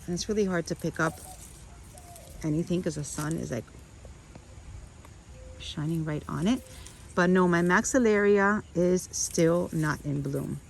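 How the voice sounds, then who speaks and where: A woman's voice: on the low side, unhurried, gravelly, pauses often, slight background noise, rough recording. Chatty woman on a garden walk. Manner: chatty, with frequent restarts and asides to viewers. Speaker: orchid grower vlogger. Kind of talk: casual walk-and-talk vlog. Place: outdoor orchid garden on a windy morning.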